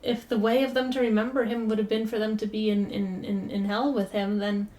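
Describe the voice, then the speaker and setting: A woman's voice: medium pitch, flat delivery, brisk, a little mellow. A woman hosting a reaction video, talking in a casual, emotional, rambling way with stammered restarts.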